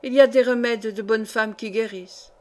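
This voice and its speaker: A woman voicing a frail, fretful dying noblewoman in an audiobook, soft and plaintive. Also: on the high side, steady tone, moderate pace, close to an everyday voice. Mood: querulous. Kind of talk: audiobook character reading.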